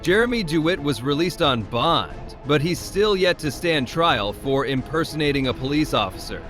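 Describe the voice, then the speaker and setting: A man's voice: on the high side, lively intonation, moderate pace, a bit bright, faint music behind. A man narrating a commentary voice-over in a scornful, mocking manner.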